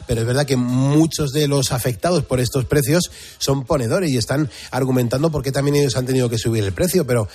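A man's voice: mid-range voice, a little fast, a little mellow, slightly rough. A man hosting an early-morning radio show, chatting in a friendly, bantering way. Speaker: radio host. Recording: radio broadcast with faint music.

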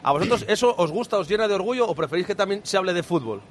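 A man's voice: high voice, animated, racing, a little hiss or hum. A man hosting a live football broadcast, chatty and jokey as he brings in his guests. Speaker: sports broadcast host.

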